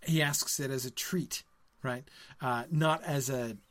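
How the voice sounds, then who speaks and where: A man hosts a live book discussion, answering viewers in a medium-pitched, slightly bright voice at a slow pace. He speaks hesitantly, with lots of ums, and tends to close his points with "right?" Between comments, he reads passages aloud.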